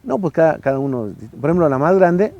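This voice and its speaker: A Mexican man in his sixties, an architect and former faculty director, tells colloquial anecdotes in a casual interview, often adding tag questions. His voice is fairly high with lively intonation, his Mexican accent is clear, and he talks a little fast. The audio is dull and has no room sound.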